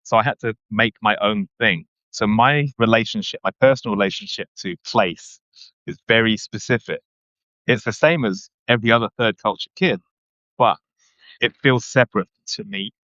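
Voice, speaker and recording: A man talks in a low, unhurried register, reflecting aloud and circling back with ums and restarts. The audio sounds dull and dry, as if recorded close in a small, muffled space. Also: sharp tone, no echo. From London, England. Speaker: guest, running writer. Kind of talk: casual interview conversation.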